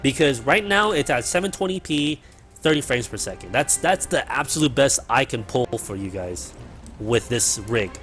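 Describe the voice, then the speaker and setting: A man's voice: medium pitch, animated, moderate pace, fairly bright tone, soft background music. Casual rambling male game streamer. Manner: rambling and casual, with fillers and swearing. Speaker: gaming livestream host. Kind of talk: casual livestream chat. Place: home apartment. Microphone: cheap mic close to the mouth.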